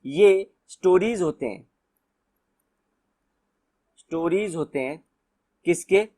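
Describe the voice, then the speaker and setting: A young man with an Indian accent giving an exam-prep lecture, explaining in Hindi mixed with English and reading textbook lines slowly. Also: high-pitched, lively intonation, dark tone. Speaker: teacher.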